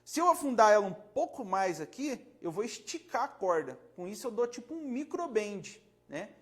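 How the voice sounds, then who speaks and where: A Brazilian man, a luthier, explaining frets casually in a relaxed, rambling way, demonstrating with his hands and often checking the viewer is following. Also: sits high, moderate pace. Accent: Brazilian Portuguese. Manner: relaxed, rambling, self-correcting.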